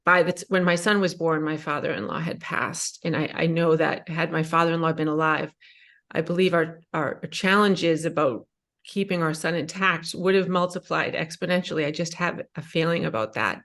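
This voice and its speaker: A woman's voice: deep voice, fairly even intonation, normal speed, fairly bright tone. Hesitant woman asking a question. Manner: hesitant, many fillers and restarts. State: emotional, voice rising. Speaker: audience member asking a question. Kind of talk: emotional personal question at an online book talk.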